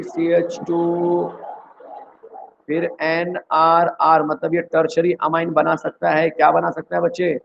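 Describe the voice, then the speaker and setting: Energetic high-voiced Indian chemistry teacher. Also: male voice, creaky, lo-fi sound, slight background noise. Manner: energetic, repeatedly quizzing students. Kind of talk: online exam-prep lecture. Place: indoors, teaching online.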